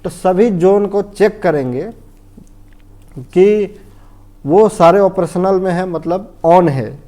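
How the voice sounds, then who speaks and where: Speaking slowly in a warm, high-sitting voice, an Indian-accented fire safety instructor runs through an informal technical lesson step by step. He is didactic and repeats himself, frequently asking himself questions and confirming he's understood.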